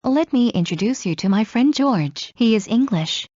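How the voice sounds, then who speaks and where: Woman reading slow English drills. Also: a little high, lively intonation, warm tone, dry recording. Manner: slow, clear drill delivery. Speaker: English practice reader. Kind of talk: scripted dialogue reading. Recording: muffled lo-fi recording.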